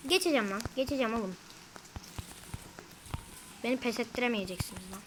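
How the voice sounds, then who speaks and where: A woman's voice: a little high, fairly quick, background noise. A woman giving casual gameplay commentary to her viewers, easily frustrated, grumbling and exclaiming as she plays. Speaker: gamer.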